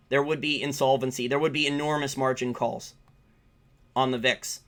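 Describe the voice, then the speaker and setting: With a mid-range, sharp-toned voice, an American man runs a finance channel and responds to live viewer questions. His market commentary is informal, opinionated, and improvised, and he repeats himself to stress key points.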